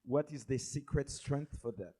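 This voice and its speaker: A man's voice: medium pitch, normal speed, mellow, breathy edge, poor audio. A man with a French accent moderating a conference panel, making formal introductions in English as a non-native speaker.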